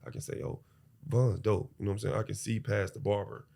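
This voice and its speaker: A man's voice: on the low side, level tone, fairly quick, creaky, mellow. A man, a podcast guest chatting casually in laid-back slang and teasing the host.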